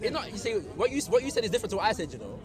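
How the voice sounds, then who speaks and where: A man's voice: sits high, sing-song, very fast, music in the background. A man from Jamaica arguing in a street debate outdoors, insistent and interrupting, repeating himself. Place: outdoors in a busy park. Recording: outdoor crowd noise around.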